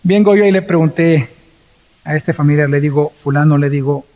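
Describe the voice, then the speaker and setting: A Salvadoran pastor preaches in a fairly high, mellow voice, leaping up and dropping low as he acts out the people in his story. His words ring out with the long reverb of a church hall. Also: a little fast. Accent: Salvadoran Spanish. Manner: storytelling with acted quotes and swings in pitch. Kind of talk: sermon.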